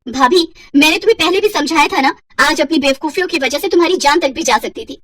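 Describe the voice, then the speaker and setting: A woman's voice: high-pitched, quick pace, fairly bright tone, dry recording, clean studio sound, distant mic. A woman voicing a sensible young sister-in-law who lectures firmly in a cartoon story. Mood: lecturing. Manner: lecturing, firm.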